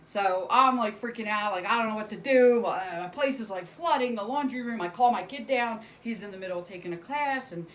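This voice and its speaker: A woman's voice: mid-range voice, brisk, hardly any pauses, rough recording. Rambling self-deprecating woman comic. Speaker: stand-up comic. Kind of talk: casual stand-up monologue to camera. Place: at home.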